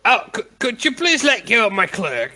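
A man voicing a calm, courteous male official in a tabletop game, in a slightly raised, bright voice. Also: high voice, moderate pace, pitched above the performer's own voice, exaggerated voice.

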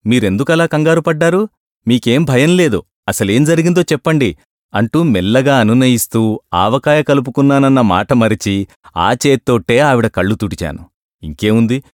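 A man narrating a humorous story in an even, measured reading voice. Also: on the low side, no echo, clean studio sound.

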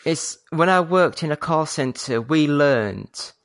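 A man's voice: on the high side, animated, a bit bright, dry recording. Yorkshire man hosting a gaming podcast. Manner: polite, measured phone-trained manner. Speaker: podcast host. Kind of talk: casual gaming podcast chat.

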